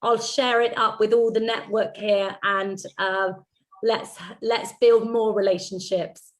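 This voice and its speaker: A woman's voice: mid-range voice, level tone, takes it slowly. A woman hosting an online networking event, encouraging and chatty. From United Kingdom. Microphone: video call microphone.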